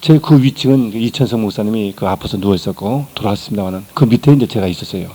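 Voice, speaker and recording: An older man, a pastor, giving a sermon testimony, telling his story with quoted dialogue and swings between soft and loud delivery. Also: lowish voice, fast, husky, poor audio. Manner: storytelling with emotional quoted dialogue, rising and dropping loudness.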